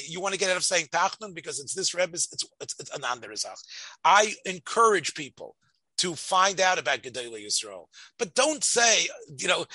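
Man, sharp bright tone, emphatic debating, stop-and-start phrasing, close dry sound. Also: on the high side, no echo, rough recording. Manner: argumentative, emphatic, halting with repeated words. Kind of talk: religious debate, conversational.

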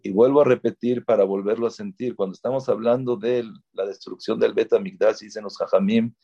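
A man's voice: fairly low pitch, steady tone, a little fast, creaky, mellow, husky. A man teaching a religious lecture, stressing his points by repeating key words. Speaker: Torah teacher. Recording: dull lo-fi recording.

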